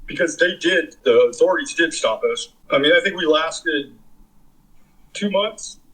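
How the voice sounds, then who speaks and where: Interview guest, fifties, from the Bay Area: a husky, fairly high male voice with a profane, rambling storyteller's delivery. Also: animated, a little slow, pushed and bright, rough recording. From California Bay Area. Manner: rambling, profane, filler-heavy. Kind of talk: casual storytelling.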